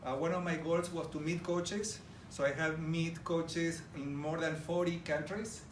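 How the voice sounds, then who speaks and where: In a large room with an audience, a middle-aged Argentine man speaks a little slowly, with a fairly high pitch and fairly even intonation. He presents enthusiastically in an Argentine Spanish accent, talking right to the listeners, and the audio is distant and roomy with background noise.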